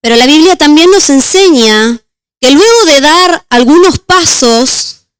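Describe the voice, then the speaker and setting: A woman deaconess preaching a sermon and reading scripture aloud, slowing down on key words. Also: high-pitched, animated, dry recording. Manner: measured, slows on key words.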